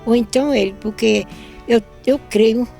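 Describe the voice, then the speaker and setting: A woman's voice: on the high side, moderate pace, vocal fry, warm tone, faint music behind. An older woman from northeastern Brazil giving an emotional religious testimony about her son, often repeating herself and quoting others.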